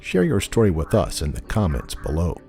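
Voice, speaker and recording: A man reading scripted, wry commentary as a video host, deadpan and mock-serious. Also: low-pitched, fairly quick. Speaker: narrator and host of a video compilation channel. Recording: voice-over with music behind.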